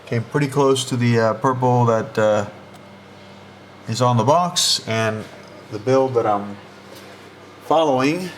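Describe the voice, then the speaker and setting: A man who builds models, narrating his build progress in a relaxed, unhurried way and pausing often with "uh". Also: mid-range voice, slight background noise. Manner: relaxed, unhurried, pauses with frequent "uh".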